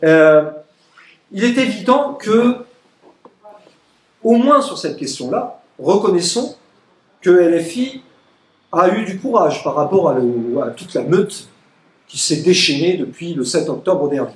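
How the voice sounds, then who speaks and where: Unhurried and pausing often, an Egyptian political speaker uses a fairly high, expressive voice at a public meeting. He ridicules opponents emphatically and sarcastically, quoting them in mocking voices, and his words echo around the meeting room.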